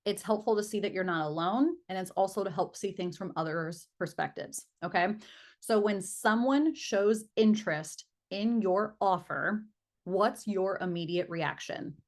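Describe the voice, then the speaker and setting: A woman's voice: mid-range voice, unhurried. A woman sales coach leading a live online training session in a casual, chatty way, acting out how clients react.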